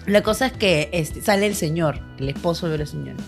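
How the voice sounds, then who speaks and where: A woman's voice: low voice, a little fast, vocal fry, faint music behind. A woman with a Peruvian accent telling a funny family story to friends, laughing often and acting out the voices of the people in it. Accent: Peruvian Spanish. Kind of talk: casual storytelling.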